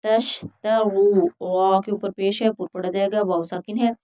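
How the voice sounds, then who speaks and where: A woman teaching Quran recitation rules, chanting verses slowly and then explaining each letter in plain talk. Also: medium pitch, fairly even intonation, mellow. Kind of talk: recitation and tajweed instruction.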